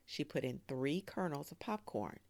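A woman hosting a storytime, reading a children's book aloud in an expressive, animated way. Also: low-pitched, normal speed, creaky, dry recording. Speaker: storyteller host.

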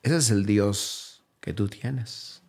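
A pastor preaches a sermon, hammering his points with repeated rhetorical questions. His gravelly, husky voice moves extremely slowly, sinking to low, quiet phrases before climbing into a raised, higher, urgent exhortation.

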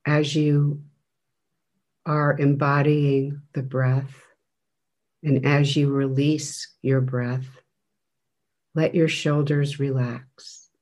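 Speaking very slowly, a man who teaches meditation guides listeners through a practice. He sounds gentle, with a medium register and little pitch movement, and he leaves long, deliberate gaps between phrases.

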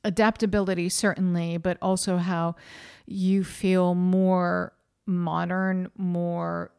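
A woman's voice: on the low side, little pitch movement, takes it slowly, gravelly, darkish tone, smooth. A woman co-hosting a podcast, musing on ideas and steering the conversation in a thoughtful, conversational way. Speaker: podcast co-host. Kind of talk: casual chat.

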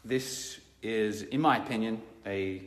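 A man giving a blunt, emphatic self-help lecture that turns into a sales pitch, swearing freely. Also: takes it slowly. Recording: long hall reverb.

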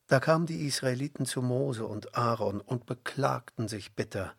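A man reading a bible storybook aloud in a measured, expressive way. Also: medium pitch, gravelly, breathy edge, no room sound, clean studio sound. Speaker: audiobook reader. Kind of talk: storybook narration.

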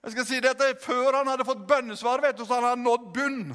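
An older male preacher giving a revival sermon, telling stories in a lively, humorous way and acting out the scenes. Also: very high-pitched. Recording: long reverb in a hall.

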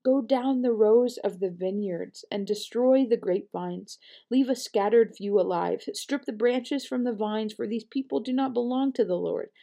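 Woman reading scripture out loud, mellow warm tone, steady and earnest. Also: fairly high pitch, creaky. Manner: measured, earnest reading with small slips. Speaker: scripture reader.

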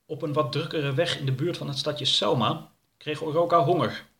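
A man reading a children's story aloud in a calm, even storytelling manner. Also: on the high side, normal speed, gravelly. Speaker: narrator. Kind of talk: storybook narration.

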